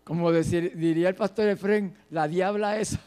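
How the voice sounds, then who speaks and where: A man preaching a sermon, swinging between soft, low phrases and loud, drawn-out emphasis. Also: steady tone.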